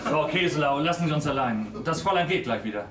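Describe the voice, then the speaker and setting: An actor playing an exasperated, blustering young lodger in a stage comedy, heard from afar on an echoey stage. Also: male voice, a little high, lively intonation, fast talker, distant mic, heavy background noise, lightly acted. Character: exasperated young lodger trying to end an affair. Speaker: Fred, furnished-room lodger.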